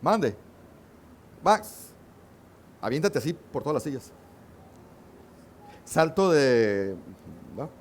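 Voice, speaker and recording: A male pastor leads a Sunday school Bible lesson in a church classroom, speaking with a slightly raised pitch. He talks in a loose, conversational way and keeps asking whether his listeners follow. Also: very animated, slow pace, long pauses, a little hiss or hum. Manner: conversational, checks in with listeners often.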